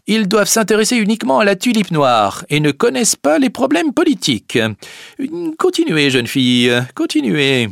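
A man voicing a stern, composed prince in a storybook reading, speaking in a commanding, measured way. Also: high voice, sing-song, gravelly, no echo, pitched above the performer's own voice, exaggerated voice.

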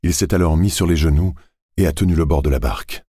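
A man narrates a novel in a steady, measured reading. His voice is extremely low and husky, and the recording is dry and close. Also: no echo.

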